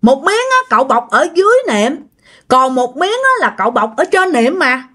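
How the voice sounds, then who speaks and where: A woman's voice: high-pitched, big pitch swings, moderate pace, sharp tone, full character voice. A woman voicing a strange middle-aged spirit woman with a girlish voice, begging insistently. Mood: pleading.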